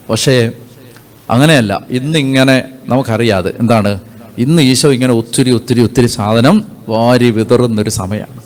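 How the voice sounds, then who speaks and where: A man preaching a sermon, emphatic and repetitive, asking his listeners rhetorical questions and reading scripture aloud. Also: medium pitch.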